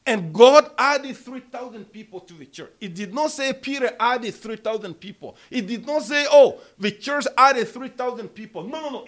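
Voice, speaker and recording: A pastor with a very high, strong voice preaches a sermon and leads prayer in a small church. He speaks emphatically, his voice rising loud on key words.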